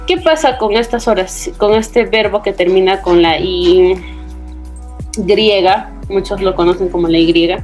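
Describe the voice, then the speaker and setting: A woman teaching an English grammar lesson to secondary students, explaining patiently and checking in with frequent questions. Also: mid-range voice. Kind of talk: recorded class explanation.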